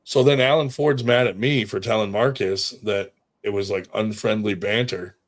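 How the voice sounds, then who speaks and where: Speaking at normal speed in a fairly low voice, a man rambles through stories in casual conversation, swearing freely and leaning heavily on fillers.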